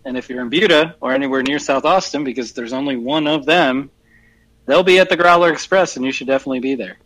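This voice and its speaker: Medium in pitch and a bit bright, a man's voice comes through like a phone call on a poor connection. He's a podcast co-host chatting casually, rambling and stumbling while correcting what he says.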